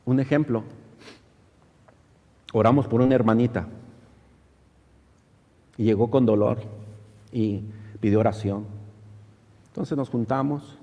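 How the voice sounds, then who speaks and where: A man's voice: slow, pauses often, dark tone, dull audio. A middle-aged man preaching a sermon as pastor, telling stories and acting out the people in them. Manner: storytelling, acts out quoted voices with rising pitch. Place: church hall. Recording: church hall reverb.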